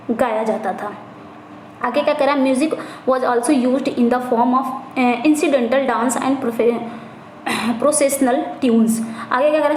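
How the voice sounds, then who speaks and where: A woman tutor giving an exam-prep lesson, explaining each question in Hindi and reading the English lines out slowly, often repeating herself and correcting small slips. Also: high-pitched, darkish tone. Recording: echoey room, faint background noise.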